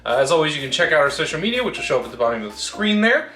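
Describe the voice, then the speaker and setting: A man's voice: fairly high pitch, sing-song, racing, pushed and bright. A man co-hosting a casual home cooking video, easygoing and rambling with fillers. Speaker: co-host. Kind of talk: casual chat. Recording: roomy echo, light music.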